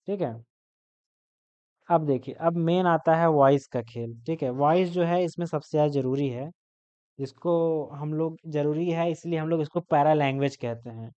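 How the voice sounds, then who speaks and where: A man's voice: a little high, darkish tone, clear, resonant tone, highs cut off. A young man in his twenties teaching an online class, explaining with everyday examples and often checking in with his students. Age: 20s.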